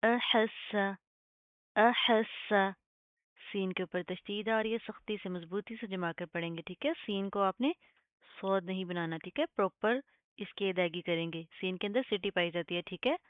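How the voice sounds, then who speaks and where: A woman's voice: mid-range voice, normal speed, dry recording. Patient female tajweed teacher, phone-thin sound. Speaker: Quran recitation teacher. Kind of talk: tajweed lesson. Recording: dry, phone-like narrow sound.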